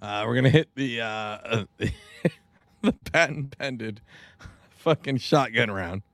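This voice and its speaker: A man's voice: medium pitch, takes it slowly, fairly bright tone, dry recording. A man hosting a podcast with casual, joking banter. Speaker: podcast host.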